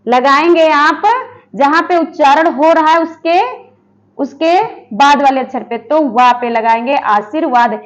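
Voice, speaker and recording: A woman teaching a Hindi lesson for exam preparation. She asks her students questions, answers them herself and repeats each word slowly. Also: sits high, muffled recording. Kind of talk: online exam-prep lesson.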